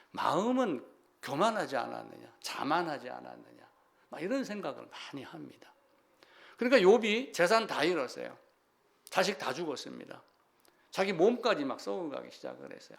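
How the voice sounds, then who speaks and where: A male pastor preaching a sermon in a lively, animated way, acting out people crying out to God. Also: fairly high pitch, gravelly.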